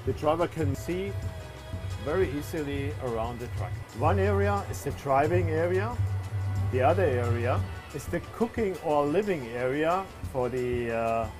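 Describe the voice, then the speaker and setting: A man with a somewhat high voice walks through a product, stopping on fillers as he points things out. Music sits clearly behind him. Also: expressive, normal speed. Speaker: truck presenter. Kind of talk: explaining a product.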